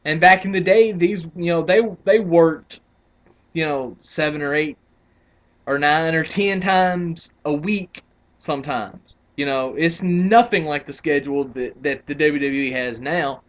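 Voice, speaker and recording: A man's voice: on the high side, unhurried. A man in his twenties ranting casually to camera as a wrestling vlogger, argumentative and rambling with frequent restarts. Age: 20s.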